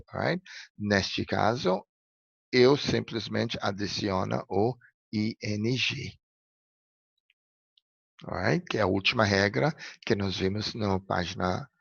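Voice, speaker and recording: A man from Brazil teaching an English lesson with unhurried, patient explanations. His low, gravelly voice sounds a little husky. The recording is dry and dull, with a slightly lo-fi sound. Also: no room sound. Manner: patient, step-by-step explaining, frequent "ok?" checks.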